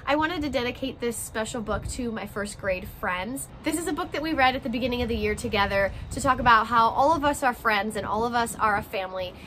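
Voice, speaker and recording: Sitting out on a porch beside glass doors, a twenty-something first grade teacher reads expressively to young children and addresses them directly. Her voice is a little high with a fairly bright tone. There's a little hiss or hum in the audio.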